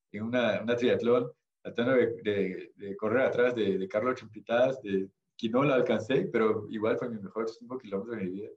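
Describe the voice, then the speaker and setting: A medium-pitched, darkish male voice, recorded with the highs cut off, belongs to a podcast guest who does amateur triathlons. He has a Brazilian accent and Portuguese as his first language, and he tells stories conversationally while often searching for words.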